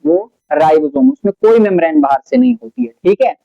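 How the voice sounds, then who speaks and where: A man's voice: high-pitched, animated, a little fast, vocal fry, no room sound, lo-fi sound. A man giving a biology lecture at a board, asking his students questions and answering them himself, mixing English terms into his explanation. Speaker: biology teacher. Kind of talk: classroom lecture at a whiteboard.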